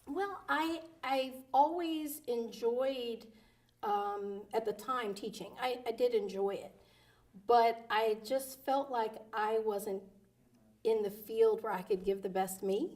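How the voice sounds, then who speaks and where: A woman's voice: on the high side, slow, a little mellow. Earnest woman attorney, interview guest. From Delaware, USA. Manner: earnest, many ums and uhs. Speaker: guest, attorney and judicial candidate.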